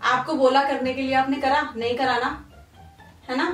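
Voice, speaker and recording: A woman's voice: high voice, fairly even intonation, moderate pace, a bit bright. A woman scolding her husband in a heated argument, repeating the same short question, recorded in a bedroom at home. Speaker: prank video creator. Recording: echoey room, far from mic, music behind.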